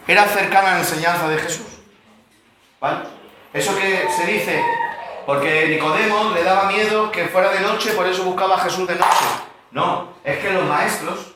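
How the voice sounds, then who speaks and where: A man's voice: high voice, noisy background. A male pastor giving a Bible study lesson, explaining words and quizzing his listeners. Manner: explanatory, asks the audience questions. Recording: very echoey room.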